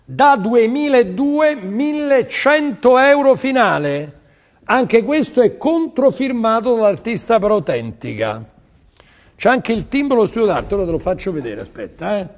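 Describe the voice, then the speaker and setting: This TV art sales presenter pitches paintings pushily, repeating phrases to spur buyers along. He's very animated in a high, slightly mellow voice at normal speed, and the audio has a big-room sound.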